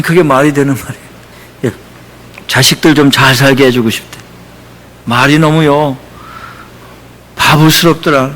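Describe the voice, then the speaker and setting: Male pastor, sermon, high voice, emphatic and chatty, echoey church hall. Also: fairly bright tone. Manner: emphatic, conversational preaching with acted quotes. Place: church sanctuary.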